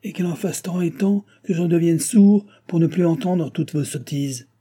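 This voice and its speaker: A man reading an audiobook and voicing an irritable, self-pitying aging king who complains in exasperated outbursts, with a husky voice. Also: mid-range voice, normal speed, warm tone, lightly acted.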